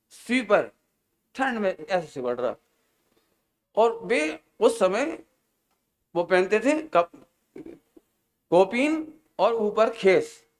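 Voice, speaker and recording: A high-pitched man delivers a sermon to a gathering. He tells stories in a lively way and acts out the voices of the people in them. He slows down to chant lines of verse. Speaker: Jain preacher. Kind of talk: sermon with storytelling. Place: large hall, camp gathering.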